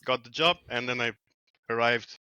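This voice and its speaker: A man's voice: mid-range voice, normal speed, smooth, no echo, highs cut off. Slovenian guy on a headset call. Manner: relaxed, laughs often, trails off mid-sentence. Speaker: guest, wilderness guide. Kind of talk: casual storytelling. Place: small room at home. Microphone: headset mic on a video call.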